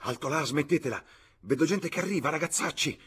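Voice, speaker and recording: A man voicing a flustered middle-aged country clergyman who shouts in a shrill, frantic voice. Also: a little fast, husky. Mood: alarmed shouting.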